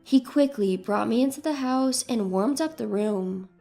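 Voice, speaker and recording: A woman in her twenties narrating a story in the first person with a steady, even delivery. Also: a little high, unhurried, vocal fry, faint music behind. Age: 20s.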